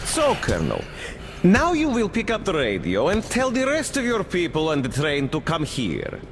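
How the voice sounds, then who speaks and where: An actor playing a smug, mocking cannibal leader who talks like a polite official, in a video game. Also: male voice, on the high side, huge pitch swings, normal speed, in a large hall, noisy background. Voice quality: mocking, smooth and theatrical.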